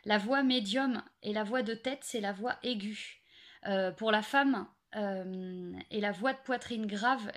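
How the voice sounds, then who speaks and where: A young woman explaining singing basics in a casual, hesitant way, full of pauses and fillers. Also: medium pitch. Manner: hesitant, many fillers and restarts. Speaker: singing teacher. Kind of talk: casual spoken singing tips.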